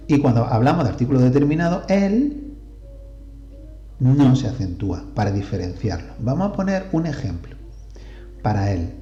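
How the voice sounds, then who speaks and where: A male teacher with a Spain Spanish accent giving a grammar lesson, deliberately spelling out examples and counting syllables aloud. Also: medium pitch, mellow. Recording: roomy echo, slightly dull sound.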